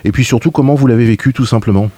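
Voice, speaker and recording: A man's voice: medium pitch, rapid-fire, warm tone, breathy edge, no room sound. A man hosting a radio interview in a studio, asking long, hesitant, rambling questions. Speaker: radio host.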